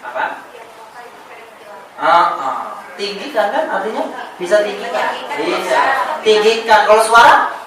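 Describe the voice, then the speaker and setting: A man teaching an Arabic lesson to a class, asking questions and calling out Arabic words loudly. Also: sits high, lively intonation, a little slow, long pauses, over a noisy crowd. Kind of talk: classroom lesson to adult students. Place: classroom or hall with an audience. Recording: very echoey room, distant voice, audience noise.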